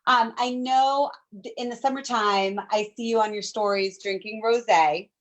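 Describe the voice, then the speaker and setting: A woman's voice: fairly high pitch, normal speed. A woman co-hosting a casual chat, asking friendly questions. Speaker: co-host.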